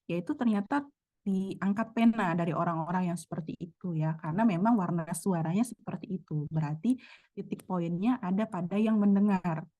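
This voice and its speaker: A woman's voice: on the low side, mellow. A woman chatting casually in an online religious study group, telling a story with many fillers.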